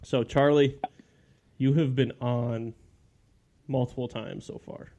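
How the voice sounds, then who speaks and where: A man's voice: mid-range voice, fairly even intonation, slow pace, warm tone, dull audio, slight background noise. A man from Michigan hosting a casual podcast from his basement, laughing often and bantering with his guest. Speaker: podcast host. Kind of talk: casual chat. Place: home basement. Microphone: studio microphone.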